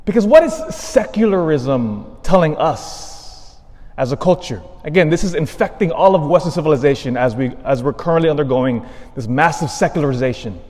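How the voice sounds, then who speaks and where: Priest with cathedral echo. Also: male voice, on the high side, lively intonation, darkish tone. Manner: measured reading, then emphatic rising stresses. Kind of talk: Gospel reading and homily at Mass. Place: large church. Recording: long reverb of a large church.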